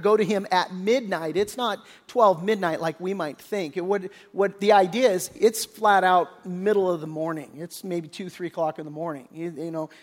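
An older man preaching a conversational sermon as pastor, folksy and full of restarts, often acting out the characters' lines. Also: high voice. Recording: long reverb of a large hall.

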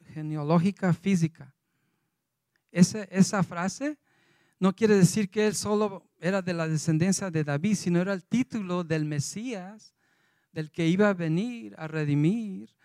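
A man's voice: high voice, a little mellow, clear, resonant tone, dry recording, clean studio sound. A man preaching a sermon, reading scripture aloud in a loose, conversational way.

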